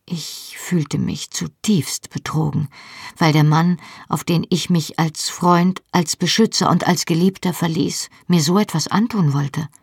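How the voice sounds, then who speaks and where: A woman reading a first-person novel aloud in a measured, calm way. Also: deep voice, gravelly, breathy edge, dry recording, studio quality. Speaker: audiobook narrator.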